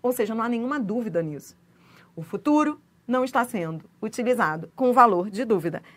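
A woman's voice: a little high, fast talker. A middle-aged woman with a Brazilian accent, teaching an exam-prep grammar lesson and acting out little dialogues as examples. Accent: Brazilian Portuguese. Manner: lively, acts out dialogues, laughs at her own examples.

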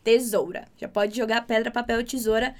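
A woman's voice: on the high side, fairly even intonation. Upbeat Brazilian woman teaching Spanish. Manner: upbeat, chatty, drills words slowly and repeats them. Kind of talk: casual online language lesson.

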